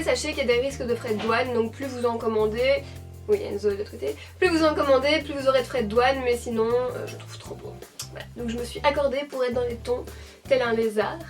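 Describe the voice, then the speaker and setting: High-voiced Belgian woman chatting to camera. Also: distant mic. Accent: Belgian French, Hainaut. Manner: chatty and rambling, with frequent fillers and self-corrections. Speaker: beauty YouTuber answering a tag. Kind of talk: casual chat to camera. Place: at home, indoors.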